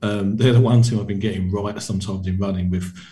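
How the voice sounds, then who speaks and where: Man, lowish pitch, relaxed dark tone, casual betting tipster. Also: brisk, a little hiss or hum. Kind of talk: casual panel chat.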